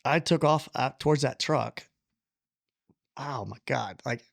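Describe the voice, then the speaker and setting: A man telling a long personal story in casual conversation, animated, blunt and self-deprecating, with the odd curse word. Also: medium pitch, measured pace, vocal fry, no room sound, studio quality. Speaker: podcast guest.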